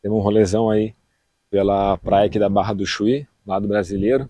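This casual, slang-heavy vlog chat comes from a thirties-aged man with a southern Brazilian accent, filming himself on an open beach and dunes with an action camera at arm's length. He talks briskly in a warm voice on the low side, with fairly even intonation. The sound is lo-fi but free of echo.

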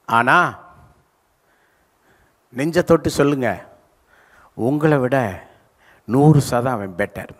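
Speaking slowly with frequent pauses in a mid-range voice, an older South Indian pastor delivers a sermon into a handheld microphone. On the large church stage, the hall's live reverb surrounds him as he draws out key words and asks the congregation to respond.

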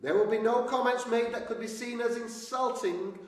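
A man playing a brash, weary bingo caller in a comic stage act, calling out numbers with drawn-out patter and pauses. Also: very high-pitched, fairly even intonation. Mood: announcing. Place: small stage with curtains, indoors. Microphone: handheld microphone, recorded from a distant camera. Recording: very echoey hall, distant, faint noise.

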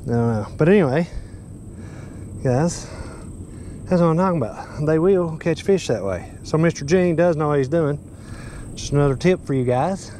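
A man's voice: on the high side, animated, moderate pace, pauses often, mellow. Muttering Kentucky man fishing outdoors. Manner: mutters and exclaims to himself while fishing. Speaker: fishing vlogger. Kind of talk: casual running commentary. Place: outdoors at a grassy pond bank. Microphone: head-mounted action camera. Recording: outdoor wind noise.

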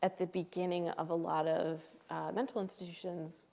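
A woman's voice: lowish voice, little pitch movement, normal speed, creaky, warm tone, in a large hall. A woman author in a live interview, telling a personal story in a thoughtful, candid and emotional way. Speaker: author guest. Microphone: live stream setup.

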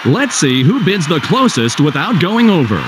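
A man announcing a game show from a script, with an energetic, showy delivery. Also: fairly high pitch, normal speed, background noise. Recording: loud music behind the voice. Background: loud game show music.

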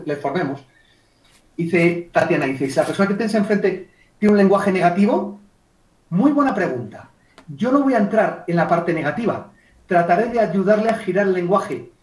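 A man gives a lively online communication workshop, acting out client dialogues and speaking to participants by name. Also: high voice, moderate pace. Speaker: communication trainer. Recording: echoey room, distant mic.

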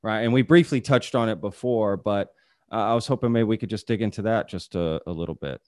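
A man hosting a casual podcast interview from a home studio, asking halting questions into a studio mic. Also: on the low side, darkish tone, no room sound. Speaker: podcast host. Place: home studio with flag on wall. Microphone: studio mic on a boom arm.

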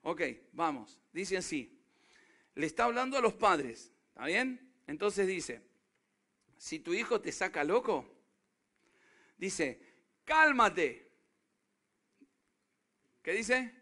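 A man's voice: high voice, very animated, slow, long pauses, sharp tone. A man with a River Plate Spanish accent preaching a sermon, emphatic and often asking the congregation questions. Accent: Rioplatense Spanish. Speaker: pastor.

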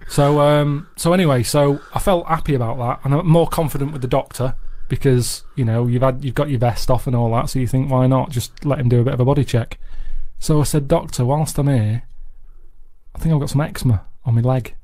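A man telling a rambling story in a deadpan, casual chat. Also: medium pitch, a little fast. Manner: deadpan, rambling anecdote with repeated "I said". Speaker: podcast regular telling a story.

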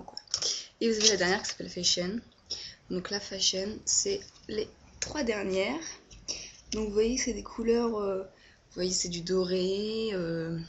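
A woman's voice: mid-range voice, creaky, noisy background. A young woman casually reviewing a makeup palette in her first vlog, hesitant and full of fillers. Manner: hesitant, many fillers and self-corrections. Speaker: beauty vlogger. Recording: dull lo-fi home webcam audio.

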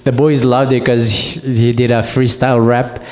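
A man's voice: mid-range voice, little pitch movement, normal speed, a little mellow. A man leading worship in a church, singing and chatting casually between songs, with a live band behind him. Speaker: worship leader. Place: church sanctuary stage. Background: live band with guitar.

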